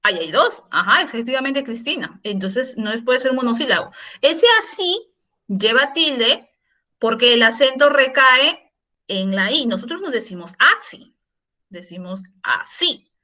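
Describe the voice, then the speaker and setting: A woman's voice: fairly high pitch, expressive, moderate pace, sharp tone. A middle-aged woman teacher explaining a grammar lesson patiently, asking her students questions and repeating examples. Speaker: secondary school language teacher. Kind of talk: online class explanation.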